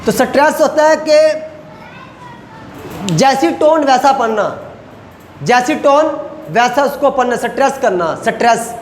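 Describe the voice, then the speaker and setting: A man's voice: very high voice, a little hiss or hum. Man lecturing in an echoey room. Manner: explains slowly, repeating each point and modeling pronunciations. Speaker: language teacher. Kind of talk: recorded classroom lecture.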